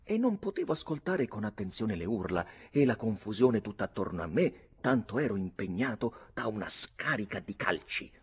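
A man narrating an audiobook in a theatrical, expressive way. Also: lowish voice, normal speed, few pauses, slightly rough. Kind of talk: dramatic audiobook reading.

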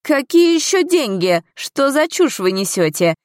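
A woman's voice: high-pitched, big pitch swings, unhurried, darkish tone, no echo, studio quality, pitched above the performer's own voice. A woman voicing an angry middle-aged male town mayor who barks his words. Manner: barking, angry.

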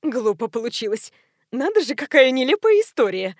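A woman reading the part of a gangster's wife who answers in a flat, matter-of-fact, childlike way. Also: sits high, normal speed, dry recording, studio quality. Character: blunt gangster's wife, adult woman, unbothered. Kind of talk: audiobook character reading.

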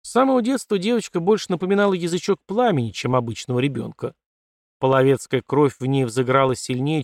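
A man narrating a historical novel in a measured, even storytelling manner. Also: medium pitch, no room sound, clean studio sound. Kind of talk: audiobook narration.

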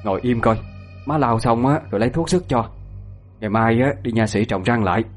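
A man's voice: medium pitch, faint music behind, natural voice. Man doing a scolding old Southern mother. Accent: Southern Vietnamese. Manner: scolding, brisk. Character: bossy, scolding older mother and grandmother.

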